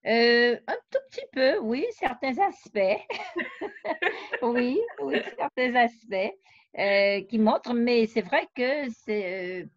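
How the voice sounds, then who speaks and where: A woman's voice: fairly high pitch, expressive, slow, no room sound. A woman researcher and novelist, interviewed, explaining her ideas at length with frequent hesitations. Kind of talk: conversational interview. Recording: dull lo-fi dry sound.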